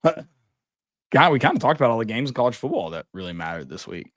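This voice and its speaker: A man's voice: mid-range voice, big pitch swings, fast talker, fairly bright tone, no echo, clean studio sound. A man co-hosting a podcast, chatting casually about college football in a blunt, joking way. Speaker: podcast co-host. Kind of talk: casual sports chat.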